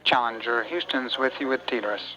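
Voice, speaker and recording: A man's bright, firm voice comes over a lo-fi radio channel. He is a mission control communicator, businesslike and courteous, keeping to short procedural phrases. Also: mid-range voice, fairly even intonation, fairly quick. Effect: radio transmission. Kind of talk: clipped procedural radio exchange. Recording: dull radio link with faint static.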